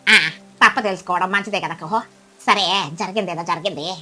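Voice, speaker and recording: A woman voicing a wise female crow in a cartoon, speaking low, steady and gentle. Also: a little fast, faint music behind. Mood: kindly. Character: calm wise older female crow cook.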